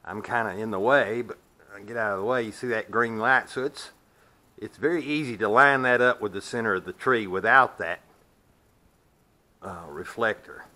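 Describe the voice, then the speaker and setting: A man's voice: lowish voice, normal speed, pushed and bright. A man demonstrating his sawmill in a metal shed, explaining in a plainspoken, folksy way, sometimes walking away from the camera. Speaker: sawmill owner. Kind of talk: hands-on demonstration.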